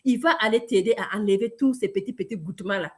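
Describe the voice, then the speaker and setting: A woman from Burkina Faso giving a lively, emphatic sales training talk, addressing her listeners directly. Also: medium pitch, fast talker. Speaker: product presenter.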